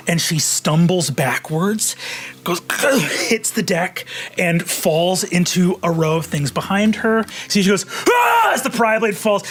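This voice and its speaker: A man's voice: sits high, a bit bright. A man narrating a tabletop game as game master, describing scenes dramatically.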